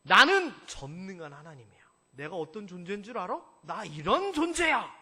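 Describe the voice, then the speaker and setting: A man voicing God as an almighty, scolding figure, loudly insisting on who he is. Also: very high voice, sing-song, moderate pace, heavily acted. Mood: boastful. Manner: emphatic, loud, repeating "I am God". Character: almighty God, boastful and scolding, speaking to a patriarch. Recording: echoey church hall.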